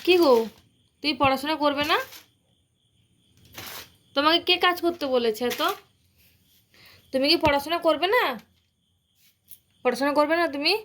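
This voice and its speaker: A woman gently teasing a small girl in a home video, coaxing her with repeated questions. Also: sits high, moderate pace, pauses often, a little hiss or hum. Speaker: adult filming a small girl. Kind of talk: home video, talking to a toddler.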